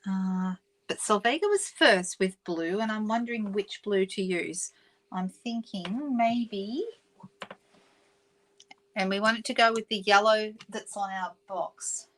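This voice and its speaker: Speaking slowly in a medium-pitched, fairly bright voice, a middle-aged Australian craft streamer chats casually during a live papercraft demonstration. She reads viewer comments aloud and corrects herself. The recording is rough, with slight background noise.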